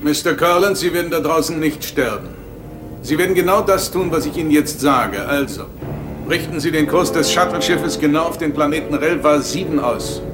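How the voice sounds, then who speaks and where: A man's voice: on the high side, moderate pace, music in the background, lightly acted. An actor playing an authoritative, composed male starship captain giving orders in a dubbed science fiction drama. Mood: urgent, commanding. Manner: commanding, crisp orders.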